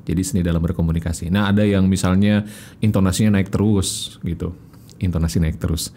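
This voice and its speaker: A man as a podcast guest, a communication coach who explains in an animated way and acts out little examples. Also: deep voice, a little fast, slight background noise. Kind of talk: casual interview chat.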